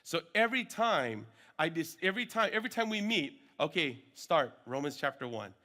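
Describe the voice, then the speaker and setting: A man's voice: on the high side, very animated, moderate pace, sharp tone. A man teaching a workshop group informally, often checking in with short tags and sometimes switching languages. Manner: switches between English and Hmong mid-talk; frequent check-in tags like okay and right. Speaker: workshop trainer teaching Bible discipleship.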